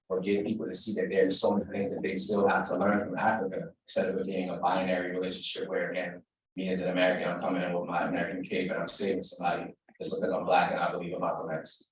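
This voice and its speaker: Deep, flat-voiced man in an echoey hall. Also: slight background noise. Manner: earnest, long-winded, with many fillers. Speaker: audience member asking a question. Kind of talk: open forum question. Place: university lecture hall. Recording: echoey hall, speaker far from mic.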